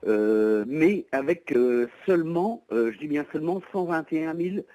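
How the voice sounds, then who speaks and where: A man selling his used van privately explains things over the phone from home, sounding hesitant, wordy and polite. His voice is a little high, animated and dark-toned at normal speed, captured through a telephone with a slight hiss or hum.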